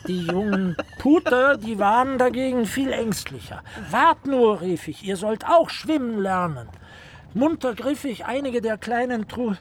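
A man's voice: very high voice, expressive, a little slow, slight background noise. A man playing a pompous storytelling writer. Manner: ornate storytelling, theatrical. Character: pompous male writer recalling his boyhood. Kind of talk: radio play acting.

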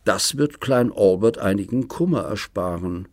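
A man's voice: lowish voice, animated, dry recording, clean studio sound. A man doing a sly whispering little devil. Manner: hushed, sly and slow. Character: cynical little male devil whispering in the ear. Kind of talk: audiobook reading.

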